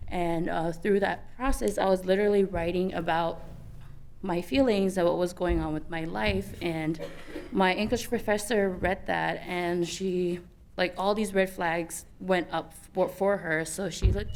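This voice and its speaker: A woman's voice: on the low side, steady tone, unhurried, gravelly, darkish tone. A young woman from American Samoa, speaking on a youth panel, telling her personal story candidly with many fillers and restarts.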